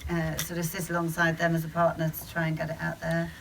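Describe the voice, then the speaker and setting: A woman's voice: deep voice, completely flat delivery, fast talker, creaky. A woman from the UK, a film producer, talking casually and frankly at a post-screening Q&A in a screening room. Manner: casual and frank, laughing easily. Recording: distant, noisy room sound.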